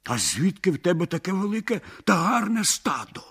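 A man's voice: sits high, big pitch swings, a little fast, creaky, a bit bright, slightly rough, pitched above the performer's own voice, full character voice. A man voicing astonished villagers who question a man they thought drowned.

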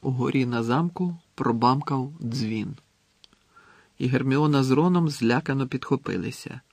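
A man narrating an audiobook in a steady, measured storytelling manner with a gravelly, husky voice, recorded on a close mic. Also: medium pitch, no echo.

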